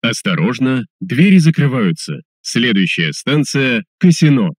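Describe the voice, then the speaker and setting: A man delivers recorded subway announcements in a mid-pitched voice with lively intonation. His delivery is formal, measured and carefully articulated, as befits a train announcer. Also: no room sound, clean studio sound. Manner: formal, measured, clearly enunciated.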